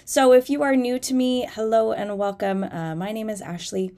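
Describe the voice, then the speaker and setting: A woman in her thirties, a podcast host and fitness coach, chats on her own in an informal, candid, self-deprecating way. Her voice is fairly high and mellow, nasal and congested as if from a head cold, with fairly even intonation at a moderate pace.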